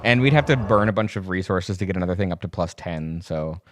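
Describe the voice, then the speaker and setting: A man's voice: deep voice, expressive, fast, background noise. A man hosting a let's play, chatting casually and thinking aloud as he plays, full of fillers and restarts. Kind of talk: casual gameplay commentary.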